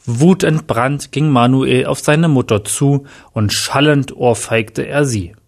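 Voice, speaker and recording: A man reading a crime story aloud as narrator, in a plain, steady manner. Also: mid-range voice, slow pace. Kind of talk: audiobook narration.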